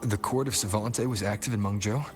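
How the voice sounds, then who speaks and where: An actor playing a troubled, subdued young hero in a video game, hesitant and introspective. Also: male voice, lowish voice, a little fast, natural voice. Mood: cautious, curious. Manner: hesitant, soft-spoken, introspective. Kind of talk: scripted video game dialogue. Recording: background music under the voice. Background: game music.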